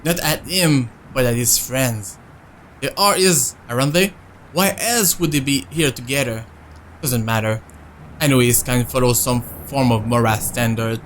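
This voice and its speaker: A man's voice: medium pitch, unhurried, fairly bright tone, slight background noise. A man streaming a visual novel, who reads the narration aloud and chats with viewers in between. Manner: reads narration, breaks off to answer chat. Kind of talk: reading a visual novel aloud with casual chat.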